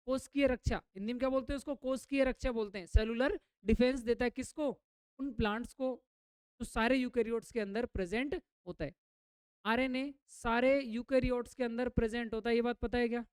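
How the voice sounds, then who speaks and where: Smooth-voiced woman teacher quizzing her class. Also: a little high, darkish tone, no room sound. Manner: quizzes the class, then repeats the answer; mixes English terms into explanations. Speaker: biology teacher. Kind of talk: classroom lecture.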